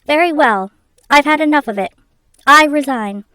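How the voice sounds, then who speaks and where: A woman's voice: high voice, moderate pace, sharp tone, no echo, voice pushed up. A woman reading aloud, voicing a bold young man who lectures and commands his elderly employer. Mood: defiant.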